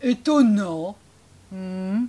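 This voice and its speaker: A woman voicing a big, slow-witted storybook monster who hums and wonders aloud, in a children's storybook reading. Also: medium pitch, animated, warm tone. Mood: wondering. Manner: drawn-out, wondering, with humming sounds.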